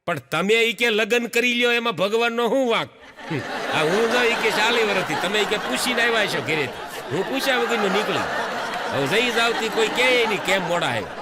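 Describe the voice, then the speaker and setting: A man's voice: sits high, expressive, a little fast, heavy background noise. A man telling jokes on stage, acting out the people in his stories and often laughing. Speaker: stand-up comedian. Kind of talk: Gujarati folk stand-up joke telling.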